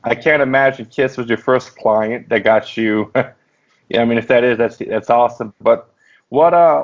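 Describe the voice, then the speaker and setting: A man's voice: fairly low pitch, lo-fi sound. A man hosting a podcast who talks casually with lots of fillers. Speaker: podcast host.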